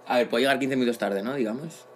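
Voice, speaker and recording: Joking, fast-talking man. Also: mid-range voice, slight background noise. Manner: joking, teasing asides. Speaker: podcast co-host. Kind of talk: casual chat.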